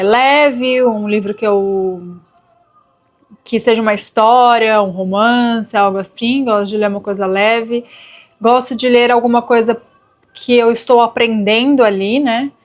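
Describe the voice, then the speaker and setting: A woman talks casually to camera in a lifestyle vlog, confiding and chatty. Her voice sits a little high, and she speaks straight to her viewers. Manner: chatty, confiding, often addresses viewers as "gente". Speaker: lifestyle vlogger.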